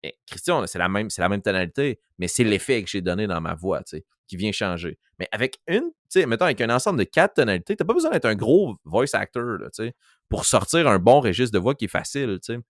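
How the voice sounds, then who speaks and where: A man's voice: fairly low pitch, sing-song, fast, no echo, studio quality. A man with a Quebec French accent, a game master chatting on a podcast and demonstrating voices as he explains. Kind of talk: casual podcast chat.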